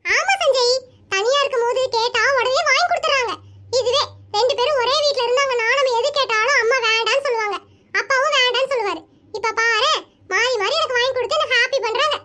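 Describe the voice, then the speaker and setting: A chirpy cartoon schoolgirl who chatters on with giggles in her voice, voiced by a performer. The voice is extremely high, quick and bright. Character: cheerful young girl, chatty. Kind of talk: animated comedy cartoon voicing.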